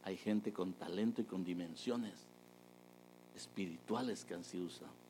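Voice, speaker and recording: A man preaching a testimony, telling a story with lively energy and acting out the people he quotes. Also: deep voice, moderate pace, slight background noise, poor audio. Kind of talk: sermon testimony.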